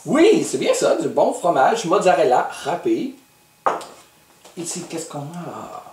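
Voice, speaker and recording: A man's voice: a little high, big pitch swings, slow pace, a little mellow. Man, Québécois accent, playful cooking teacher, roomy echo, distant mic. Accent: Québécois French. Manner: playful, teasing, patiently instructive. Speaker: host of a kids' cooking show. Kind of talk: cooking lesson with a child.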